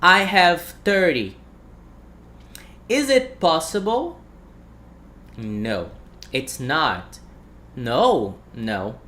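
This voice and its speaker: Brazilian-accented male English teacher, thirties, unhurried, drills phrases and quizzes viewers. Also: a little high, sing-song, sharp tone. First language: Portuguese. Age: 30s. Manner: repeats phrases slowly, asks the chat questions. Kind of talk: livestream language lesson.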